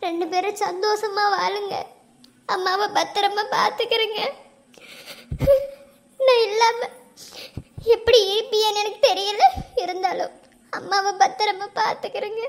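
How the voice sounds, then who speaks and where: A woman playing a very high caring village mother. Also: fairly even intonation, unhurried, long pauses. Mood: tender. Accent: Madurai Tamil. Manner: tender, pleading.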